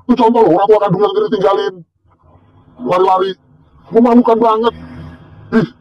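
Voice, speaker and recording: A man's voice: high voice, fairly even intonation, a little fast, lo-fi sound. A middle-aged man vlogging outdoors by a tree, recording himself and talking in a mocking, scornful way. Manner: mocking, scornful, taunting with laughs. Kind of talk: casual rant to camera. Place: outdoors by a tree near a corn field. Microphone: self-recorded on a handheld camera or phone.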